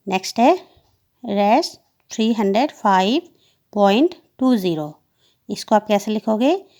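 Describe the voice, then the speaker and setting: A woman teacher talks slowly through a maths lesson for small children. She asks a question, pauses, then gives the answer herself, and her pitch sits in the middle. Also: darkish tone. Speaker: school teacher. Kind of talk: maths lesson mixing Hindi and English.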